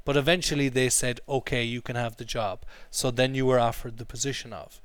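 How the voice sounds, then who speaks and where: A man leads an English lesson, explaining words and having the class repeat phrases after him. His voice is mid-pitched, and the recording sounds dry and close. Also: steady tone, brisk, a bit bright, smooth, no room sound. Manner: drills pronunciation, repeating phrases for students. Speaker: English teacher.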